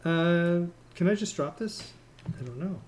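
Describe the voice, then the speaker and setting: A man in casual voice chat with friends while playing a game, explaining things haltingly with fillers. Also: sits high, lively intonation, darkish tone, slight background noise. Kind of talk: casual voice-chat gameplay talk.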